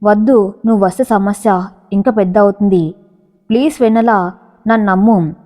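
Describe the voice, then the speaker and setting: A woman's voice: medium pitch, normal speed, dark tone, lightly acted. A woman voicing a tense, secretive young rich husband in a spoken story, curt and pleading. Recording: reverberant, slightly dull audio.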